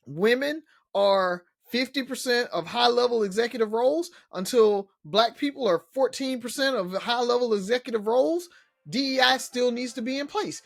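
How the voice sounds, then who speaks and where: A man's voice: very high-pitched, gravelly. A man co-hosting a podcast, earnestly arguing a point and restarting phrases as he builds it. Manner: earnest, argumentative, repeats himself as he builds a point. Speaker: podcast co-host. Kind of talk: casual chat.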